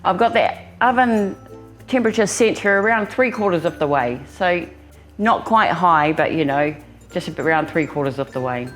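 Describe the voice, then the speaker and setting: Faint music plays behind a home cooking show host, a New Zealand woman who speaks informally to her audience like they're relatives. Her voice sits on the low side, fairly bright, with lively intonation at a normal speed.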